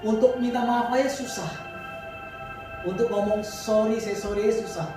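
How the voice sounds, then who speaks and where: A man's voice: high voice, fairly even intonation, moderate pace. A male pastor preaching a sermon in casual slang, building to fervent appeals. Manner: colloquial Jakarta-style slang, rising to fervent exhortation. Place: large church hall. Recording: echoey hall from far off, music behind.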